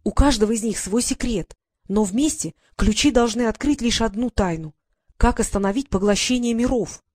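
A woman's voice: on the high side, normal speed, a little mellow, no room sound, studio quality, close to an everyday voice. A woman voicing a tiny, haughty female fairy courtier who lectures and gets irritated easily. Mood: irritated lecturing. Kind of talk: audiobook character voice.

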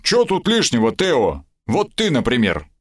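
A man voicing a brash, boastful male brawler who talks in a loud swaggering growl. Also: medium pitch, huge pitch swings, measured pace. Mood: cocky.

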